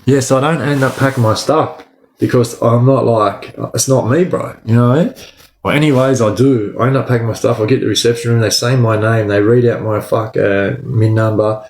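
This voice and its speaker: A man's voice: medium pitch, fairly even intonation, fairly quick, a little mellow. An Australian man chatting casually and spinning a yarn on a livestream, in sweary, matey eshay street slang. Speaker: livestream storyteller. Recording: echoey room.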